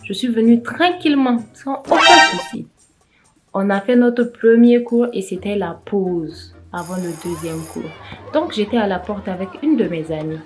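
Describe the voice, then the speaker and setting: A young woman recounts a story in a relaxed vlog, sounding tired. Her pitch sits in an ordinary middle range, and she circles back, restarts and corrects herself as she goes. Faint music plays softly behind her. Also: normal speed. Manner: rambling, with frequent restarts and self-corrections. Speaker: vlogger telling a personal story.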